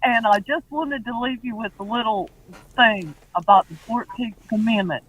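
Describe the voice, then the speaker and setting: A woman calling in to a show, speaking slowly with a drawling manner. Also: fairly high pitch, slightly rough, no echo, rough recording. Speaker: caller. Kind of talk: call-in comment.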